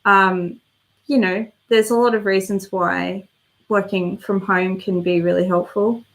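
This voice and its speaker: A woman with a mid-range, steady voice speaks unhurriedly while hosting a casual live stream. She answers viewer comments, chatting and meandering as she thinks out loud, and sounds slightly congested and worn.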